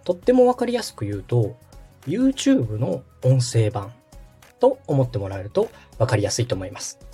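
Faint background music accompanies this explanatory podcast talk from an Osaka man in his thirties who works as a podcast host and radio director. Speaking at an ordinary speed, he walks his guest through fundamentals step by step, courteous and unhurried in manner. The voice is mellow with a touch of huskiness and a lively, varied pitch.

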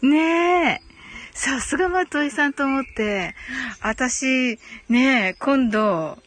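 Taking it slowly in a high, slightly bright voice, this woman runs a laid-back live audio chat. She answers listeners' comments with giggles and keeps echoing brief phrases of agreement.

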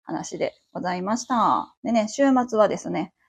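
A woman's voice: lowish voice, a little fast, vocal fry, breathy edge. A woman around forty with a Kansai accent, chatting on her own as host of a livestream radio show, rambling along with many fillers. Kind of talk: casual solo chat.

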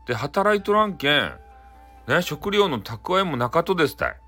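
Over quiet background music, a man speaking Hakata dialect narrates a bedtime folktale, folksy and chatty, frequently turning to address his audience. His voice is a little high, bright and forceful, very animated, and moves at an ordinary pace.

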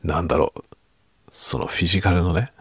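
A middle-aged man chatting softly and casually late at night in a husky, hushed murmur that drifts into whisper, unhurried and trailing off. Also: low-pitched, fairly even intonation. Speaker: podcast and ASMR creator.

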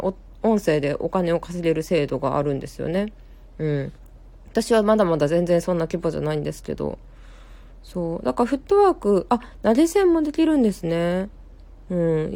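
A young woman with a Kansai accent chats through a casual live stream. Her voice sits on the low side and sounds warm and mellow. She talks in a rambling way, with plenty of fillers and quick self-corrections. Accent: Kansai Japanese. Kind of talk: casual live-stream chat reading viewer comments.

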